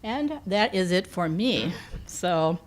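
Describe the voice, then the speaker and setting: A woman's voice: fairly low pitch, animated, slow. Woman coughing, voice giving out. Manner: conversational, with frequent "um" and self-corrections. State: slightly losing her voice, occasional coughs. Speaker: campus career development speaker. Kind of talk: informal talk to a campus audience. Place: campus meeting room.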